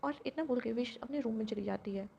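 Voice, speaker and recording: Gravelly-voiced woman reading a story. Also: on the high side, fast, warm tone, slight background noise. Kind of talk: scripted story narration. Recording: dull lo-fi recording.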